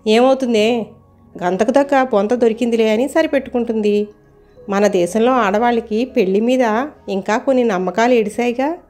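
Woman doing a hot-tempered young man, exasperated, scolding, fairly high voice, storybook. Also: normal speed, a little mellow, faint music behind, close to an everyday voice. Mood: pleading. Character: young man, brash card-playing friend, hot-tempered.

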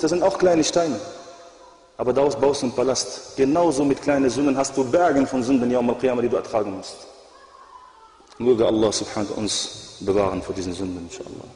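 A man's voice: medium pitch, brisk, mellow. Impassioned male preacher, driven by rhetorical questions, with a long hall reverb. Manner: impassioned, rhetorical questions, Arabic phrases woven in. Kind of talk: sermon.

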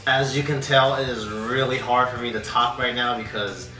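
A man's voice: mid-range voice, steady tone, moderate pace, pushed and bright, soft background music. A man in a casual how-to vlog, talking with a dried face mask tightening his skin, chatty and explaining step by step. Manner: chatty, keeps asking "okay?". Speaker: vlogger demonstrating a homemade face mask. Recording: echoey room, mic at a distance.

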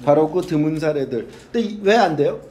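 Man, high and animated, crude classroom English teacher who reads aloud then translates. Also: fairly quick, a little hiss or hum. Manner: blunt and crude, swearing and joking with students. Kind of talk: casual classroom lecture.

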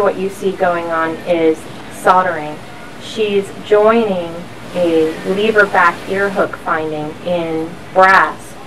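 A factory tour guide with a medium-pitched, slightly bright voice explains things step by step as she walks visitors around. The busy floor is loud with machinery and workshop noise, and the mic picks her up from a bit of a distance.

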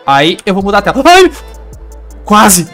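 A man with a Brazilian Portuguese accent giving excitable, playful gameplay commentary. He repeats catchphrases and swings between loud squeals and low mutters. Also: a little slow, soft background music. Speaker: gaming YouTuber.

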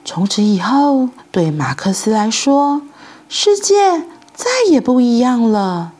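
Woman storyteller, Taiwanese Mandarin accent, sing-song children's reading with wide pitch swings. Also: takes it slowly, soft background music. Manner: animated, speaking to children.

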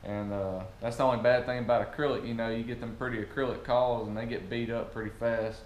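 A man's voice: medium pitch, steady tone, fairly quick. A man in his thirties with a Southern US accent, giving a casual product review to camera in a workshop. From southern United States. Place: large metal-roofed workshop or garage, indoors. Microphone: camera at about arm's length or farther. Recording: echoey metal-roofed room with noise.

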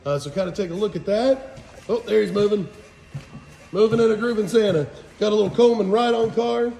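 A folksy man in his forties gives a live phone walkthrough of auction items, rattling them off and addressing viewers as "guys." His high-pitched voice is fairly quick, creaky and dark in tone, bouncing off the reverberant warehouse hall.

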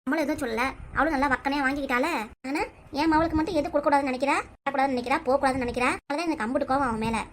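A woman voicing an aggrieved middle-aged mother in a cartoon comedy, with a southern Tamil accent and rapid, indignant complaining. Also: high voice, steady tone, a little hiss or hum, close to an everyday voice. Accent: southern Tamil, Tirunelveli.

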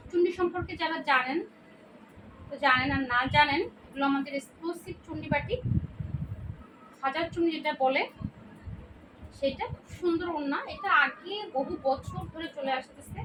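High-voiced Bangladeshi woman selling dresses. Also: moderate pace, long pauses. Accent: Bangladeshi Bengali. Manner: chatty, repeats prices and colors. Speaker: online clothing seller. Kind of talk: casual product showcase. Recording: distant mic with noisy background.

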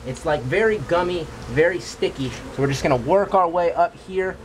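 A young man hosting a vlog outdoors beside beehives, talking excitedly and emphatically to camera in a casual style. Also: fairly high pitch, normal speed. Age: young adult. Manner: exclaiming, emphatic, repeats superlatives. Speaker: vlog host. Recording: noisy outdoor camera audio.

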